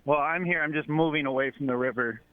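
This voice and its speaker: A man calls in to a radio chat over a tinny, phone-thin line, and the connection makes his voice warble and echo as though he were speaking from inside a fishbowl. He talks in a halting way, stopping often to search for words. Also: fairly high pitch. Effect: warbling, echoey phone line, like talking inside a fishbowl. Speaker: call-in guest.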